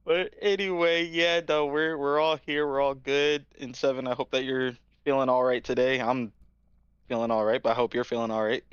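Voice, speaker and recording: A man's voice: medium pitch, flat delivery, normal speed, clean tone, no room sound, dull audio. A man co-hosting a gaming podcast, chatting casually in a playful, slangy, joking manner. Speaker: podcast co-host.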